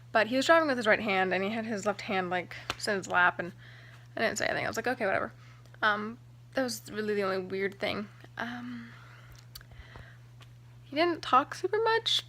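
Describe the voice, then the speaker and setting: A young woman vlogger telling a personal story to camera in a chatty, excited way, full of "like" and "um". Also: medium pitch, a little hiss or hum. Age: young adult. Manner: chatty, excited, heavy use of "like" and "um".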